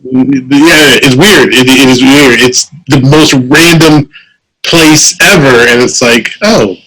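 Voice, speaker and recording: A man's voice: mid-range voice, slow pace, bright, forceful tone, low-quality recording. A man co-hosting a casual podcast chat who laughs often and trails off mid-sentence. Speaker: podcast co-host.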